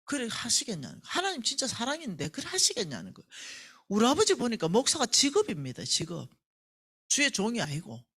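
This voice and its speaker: A woman's voice: a little high, brisk, husky. A woman with a Gyeongsang accent preaching at a church revival meeting, telling stories and acting out the voices of the people in them. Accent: Gyeongsang Korean. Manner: animated storyteller who acts out quoted voices. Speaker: church ministry staff speaker. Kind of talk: revival sermon with told stories.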